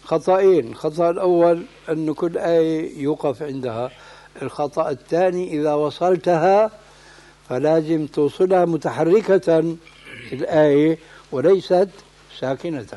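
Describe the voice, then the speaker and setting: Man, religious lesson, emphatic corrections, slightly high voice, mellow tone. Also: moderate pace. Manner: emphatic, corrective, asks and answers his own questions. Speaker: religious scholar teaching.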